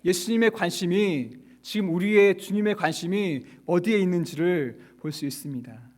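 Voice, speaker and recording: High-voiced male pastor preaching. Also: normal speed. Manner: rhetorical questions, acts out quoted lines softly. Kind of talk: sermon.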